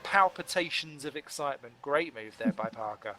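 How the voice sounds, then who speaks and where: A man's voice: medium pitch, expressive, moderate pace, pushed and bright, a little hiss or hum. A man doing live commentary on a sim race, analytical and wordy with dry humour.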